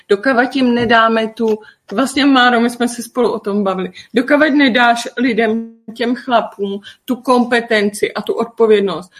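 Blunt, heated woman host. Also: fairly high pitch. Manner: blunt, heated, swears casually. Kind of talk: casual panel chat.

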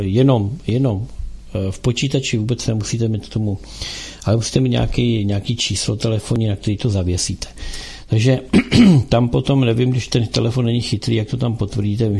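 A man hosting a casual call-in radio show, talking in a rambling, halting way with frequent filler sounds. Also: on the low side, creaky, warm tone, slightly rough.

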